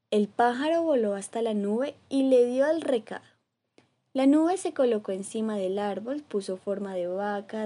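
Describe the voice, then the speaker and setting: A woman reading a children's story aloud in a gentle, rhythmic way. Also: on the high side. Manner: gentle, rhythmic, lively read with repeated refrains.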